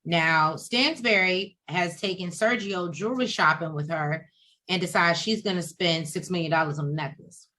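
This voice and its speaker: A woman's voice: on the low side, moderate pace, bright, forceful tone. A woman co-hosting a casual recap chat, adding wry quips. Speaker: podcast co-host.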